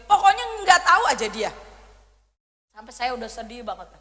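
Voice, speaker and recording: A woman in her thirties preaching a sermon, telling a personal story in a lively way and acting out her own pleas. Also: fairly high pitch, a little fast. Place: church hall. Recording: long church hall reverb.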